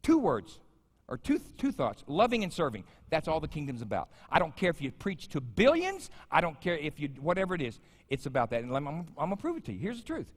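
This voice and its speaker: A pastor in his fifties preaches a sermon, chatting and joking with the congregation in a slightly high voice whose pitch swoops wildly. He talks a little fast, and a large church sanctuary gives the sound a long reverb.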